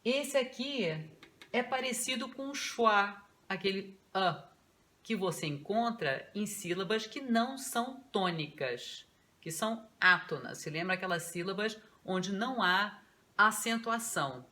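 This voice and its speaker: A Brazilian woman teaching English pronunciation online, explaining patiently step by step and slowly repeating example words. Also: mid-range voice, lively intonation, bright, forceful tone. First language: Portuguese.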